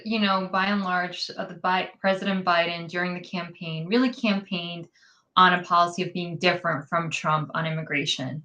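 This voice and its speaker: A woman's voice: lowish voice, sharp tone, poor audio. A woman from New York City, an immigrant rights advocate, giving articulate, detailed interview answers with frequent ums.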